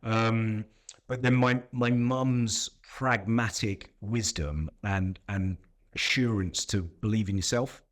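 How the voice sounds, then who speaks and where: A man's voice: lowish voice, steady tone, slow. A middle-aged man talking as a podcast guest, reflective and telling stories in casual conversation. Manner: reflective, storytelling.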